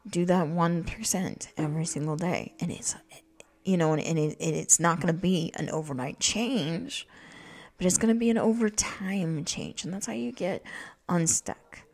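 Rambling woman with a low voice. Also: moderate pace, vocal fry, a little mellow. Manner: meandering, many fillers and restarts; acts out quoted voices with jumps in pitch. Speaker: podcast host. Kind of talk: rambling casual monologue.

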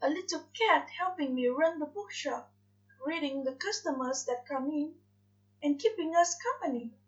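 A woman voicing a fussy, gentle male angel, soft-spoken, pleading and eager. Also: high voice, lively intonation, normal speed, pitched above the performer's own voice. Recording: dull lo-fi recording.

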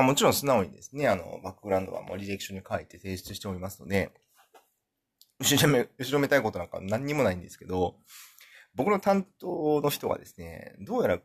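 A man from talks on his solo podcast, his coming through in a fairly low, husky voice. His pitch swings widely as he rambles, pokes fun at himself and breaks into laughter. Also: big pitch swings, fairly quick. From Kumamoto, Japan. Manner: rambling, self-deprecating, laughs often. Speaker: podcast host.

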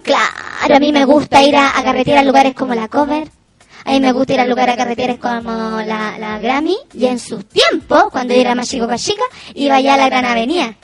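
A woman's voice: a little fast, music in the background, lightly acted. A woman voicing a brash, unfiltered young female cousin who works in retail, with a Chilean accent and crude slang, hosting a comedy stream. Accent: Chilean Spanish. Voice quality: shrill, loud, laughing, crude slang. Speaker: comedy stream host reading chat. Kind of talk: improvised comedy character.

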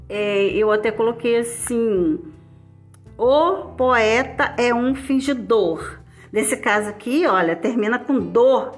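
A Brazilian woman teacher with a Brazilian Portuguese accent and a fairly high voice, talking her students through a lesson in a relaxed, chatty way. She keeps checking in with little tag questions as she goes, with faint music playing behind her. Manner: chatty, explains step by step with many "tá bom?" and "né?". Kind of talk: casual recorded lesson for students.

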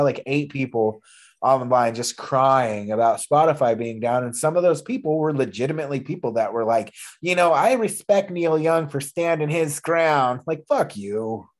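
A man in his thirties hosts a casual wrestling podcast, ranting with strong opinions and plenty of profanity. His voice sits in the mid-range, and he speaks at a moderate pace.

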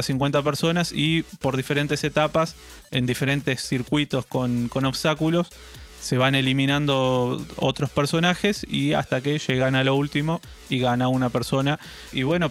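A man co-hosting a casual gaming news chat, relaxed and hesitant, often repeating words as he talks. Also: medium pitch.

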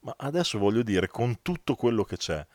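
A man's voice: mid-range voice, big pitch swings, a little fast, no echo. A man in casual back-and-forth film chat, agreeable and often confirming what is said.

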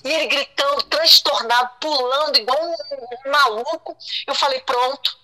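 A woman's voice: high voice, moderate pace, sharp tone, low-quality recording. A middle-aged woman from Brazil telling a distressing personal story, with many restarts and repeated words. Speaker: guest telling her story.

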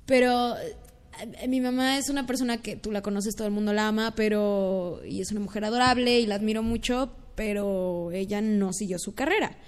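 A young woman with a Mexican accent in casual, earnest chat, telling stories and dropping to soft murmurs. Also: medium pitch, moderate pace, clear, resonant tone. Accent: Mexican Spanish.

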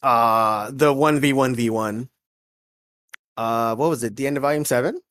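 A man's voice: mid-range voice, normal speed, fairly bright tone, dry recording, studio quality. A young man chatting casually as an enthusiastic fan, emphatic and swearing heavily. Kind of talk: casual group chat about anime and games.

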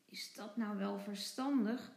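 A woman's voice: medium pitch, fairly even intonation, measured pace, vocal fry, darkish tone, echoey room. A woman reading a storybook aloud and voicing a sensible, caring mother.

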